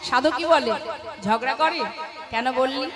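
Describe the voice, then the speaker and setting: A woman's voice: sits high, measured pace, crowd noise. A woman kirtan singer giving a devotional sermon to a gathered audience, asking questions and answering them herself, often with light laughter. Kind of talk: devotional sermon between chants. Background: devotional music accompaniment.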